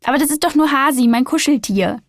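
A woman's voice: high voice, fairly quick, no echo, clean studio sound, pitched above the performer's own voice, natural voice. A woman voicing a cheerful, curious little girl spider in a children's story, speaking eagerly. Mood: excited. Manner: eager, bright, excited.

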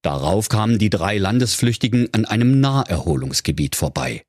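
A man's voice: fairly low pitch, big pitch swings, normal speed, a little mellow, dry recording. A man narrating a comedic fairy tale for a radio play in a dry storytelling manner.

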